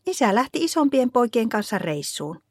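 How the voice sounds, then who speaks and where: A gentle, patient mother, as a woman reader puts her on, talking softly and soothingly. The voice sits a touch higher than the reader's usual, in a dry, close storybook recording. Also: big pitch swings, husky, no room sound.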